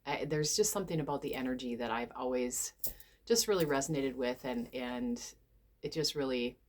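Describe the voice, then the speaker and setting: Woman with a blocked nose, low nasal voice, soft and halting, reflective vlog. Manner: soft-spoken, hesitant with many ums and sighs. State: stuffed up, nasal voice. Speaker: vlogger.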